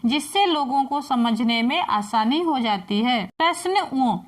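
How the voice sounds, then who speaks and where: A woman teacher reading out textbook answers, dictating each answer slowly and deliberately. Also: sits high.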